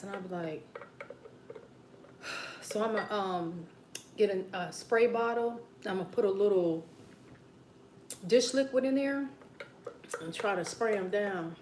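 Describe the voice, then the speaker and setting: A woman's voice: mid-range voice, poor audio. Southern woman, home livestream host, loose rambling chat to viewers, mid-range voice, faint hiss behind. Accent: Southern American. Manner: rambling, talks to viewers as besties, drops into quiet asides. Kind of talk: casual late-night livestream chat.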